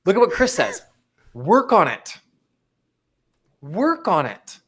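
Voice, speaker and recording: A young man co-hosting a live motivational broadcast speaks slowly in a high-pitched, fairly bright voice with huge pitch swings. He keeps it casual and eagerly reads the audience's chat messages aloud.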